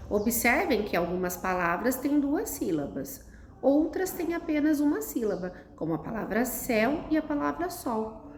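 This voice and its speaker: Patient woman teacher, lively sing-song voice. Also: mid-range voice. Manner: patient, explains step by step, ends phrases with "tá?". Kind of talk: recorded classroom lesson for children. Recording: echoey room, faint noise.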